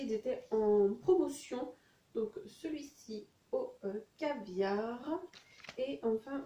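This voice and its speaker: A woman's voice: a little high, warm tone, echoey room, distant mic. A woman talking casually and hesitantly through a beauty haul, with many fillers. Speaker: beauty vlogger.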